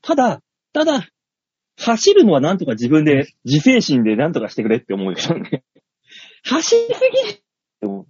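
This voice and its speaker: Animated middle-aged man telling a story. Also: fairly high pitch, moderate pace, pauses often, husky, no echo. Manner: animated, acts out scenes, laughs at his own story. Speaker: comedian and radio show host. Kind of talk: casual storytelling chat. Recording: dull, dry studio sound.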